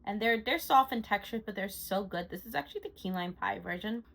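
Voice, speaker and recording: A woman's voice: mid-range voice, lively intonation, fairly quick, creaky, fairly bright tone, rough recording. A woman vlogger chatting casually through a monthly recap, gushing and chatty with frequent fillers. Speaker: lifestyle vlogger.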